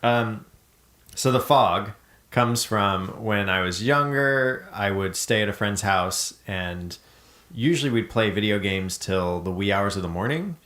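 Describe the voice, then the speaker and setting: A man's voice: lowish voice, measured pace, reverberant. A man hosting a podcast, telling a story in casual chat, rambling with lots of fillers. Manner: relaxed, rambling storytelling with many fillers and laughs. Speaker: podcast host.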